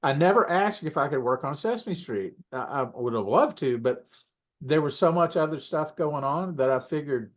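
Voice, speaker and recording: A man, a puppeteer, telling stories in a casual interview. He rambles and corrects himself, often clearing his throat and coughing between thoughts. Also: fairly high pitch, animated, normal speed. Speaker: puppeteer guest.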